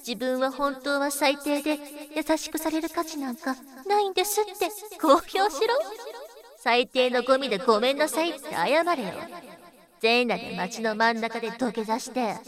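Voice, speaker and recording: A scornful, domineering woman, played by a young woman in an adult audio role-play, with a somewhat high voice. She talks rough and coarse, mocking and belittling without letting up. A murmuring crowd is heard behind her. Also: moderate pace, lightly acted. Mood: contemptuous.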